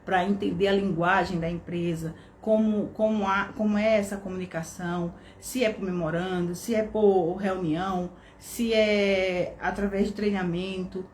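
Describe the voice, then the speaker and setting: A Brazilian woman instructor talks through a lesson at a middle pitch, with explanatory pacing and frequent check-ins with her audience. Her voice carries a roomy echo with a faint noise bed underneath. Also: steady tone, a little slow, few pauses, darkish tone. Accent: Brazilian Portuguese. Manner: explanatory, uses tag questions like "né?" and "tá?". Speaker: course instructor. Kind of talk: online lesson. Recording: echoey room with faint background noise.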